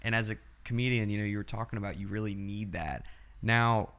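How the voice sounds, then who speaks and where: A male podcast host from the East Coast talks in a fairly low voice. He asks loose, rambling questions and keeps affirming his guest. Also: a little fast, a bit bright, clean tone. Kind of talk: casual interview questions.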